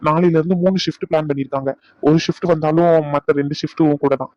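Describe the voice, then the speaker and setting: A man's voice: fairly high pitch, fairly even intonation, fast, darkish tone, no room sound, natural voice. A man voicing a young male doctor who teases and scolds his bride-to-be in a dubbed serial drama. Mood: teasing. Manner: teasing, scolding banter. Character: young male doctor, teasing and bossy lover. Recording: dull dry recording.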